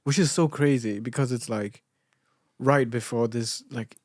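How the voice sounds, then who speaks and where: A man's voice: mid-range voice, steady tone, measured pace, a little mellow, no echo, studio quality. A young man with a Singaporean accent chats casually and jokily as a podcast guest, informal and self-deprecating, often saying "like". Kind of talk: casual comic chat.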